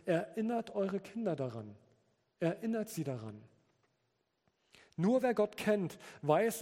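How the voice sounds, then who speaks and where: In a high, mellow voice, a man delivers an earnest sermon and reads scripture passages aloud. The long reverb of a large hall surrounds his words.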